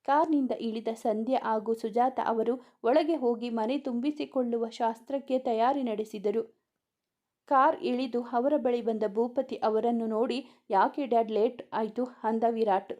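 Woman, storyteller, reads the dialogue in her own voice, warm tone, somewhat high. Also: fairly even intonation, measured pace, highs cut off. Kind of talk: scripted story narration with dialogue.

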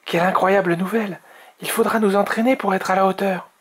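A man's voice: high-pitched, fairly even intonation, fairly quick, fairly bright tone, husky, voice pushed up. A man reading aloud and voicing an old, enthusiastic male dragon who is a grand mage, announcing cheerfully.

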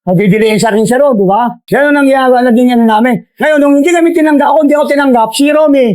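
A man's voice: very high voice, fast, a little mellow, clean tone. An older man recounting his years in prison in a casual, storytelling way, often tagging his sentences with little questions. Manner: storytelling with frequent tag questions. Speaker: interviewee, former inmate.

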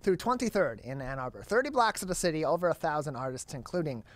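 This young American host, interviewing a guest and promoting events, talks fast with big swings in his high-leaning pitch. He's recorded in an indoor studio on a close boom-arm broadcast microphone, with no room sound.

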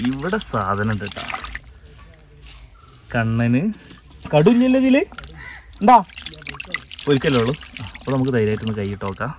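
A man's voice: mid-range voice, darkish tone, a little hiss or hum. A man in his thirties with a Kerala accent, chatting casually to viewers outdoors as a fishing vlogger, explaining as he goes and often checking in with the viewer. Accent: Malayalam, Kerala. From Kerala, India. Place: outdoors in paddy fields and a yard. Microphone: phone camera held by the speaker.

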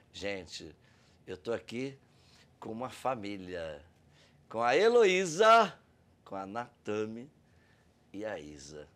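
A Brazilian man hosting a podcast, effusive and emotional as he introduces his guests. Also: fairly low pitch. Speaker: podcast host.

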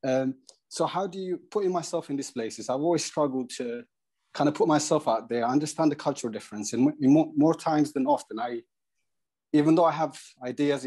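A young man from Eritrea, asking a question on a video call through earphones, hesitant and halting with many fillers. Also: mid-range voice, warm tone. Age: young adult. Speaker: audience member asking a question. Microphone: earphone mic.

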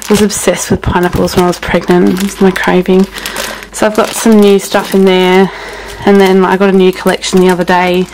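A young woman talks her way through a craft room tour, creaky voice, loose and rambling, laughing often. Her pitch sits in a middle range. Faint noise and clicks sit under her voice. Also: rough recording. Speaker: craft vlogger.

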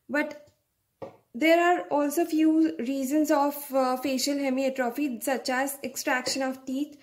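A young woman gives a medical lecture in a high voice. She speaks slowly and explains things step by step, often stopping to check with a "right?". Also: darkish tone.

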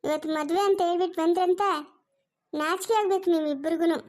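Fearless cartoon heroine, indignant and commanding, voiced by a woman, very high voice. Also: fairly even intonation, fairly quick, darkish tone. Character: bold young woman heroine, fearless, scolding. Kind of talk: cartoon voice acting.

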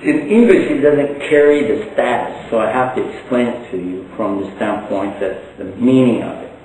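Speaking in a large indoor hall and recorded from afar with echo and slight background noise, an older Texan man with a Texan accent preaches Islam in a folksy public lecture full of jokes. His voice is medium-pitched, a little mellow, and paced normally.

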